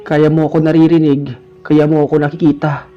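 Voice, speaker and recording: A man's voice: a little high, flat delivery, fairly quick, faint music behind, pitched above the performer's own voice, close to an everyday voice. A man voicing a frightened little girl who is half creature, pleading in fear. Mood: fearful. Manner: pleading, fearful. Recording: dull lo-fi recording.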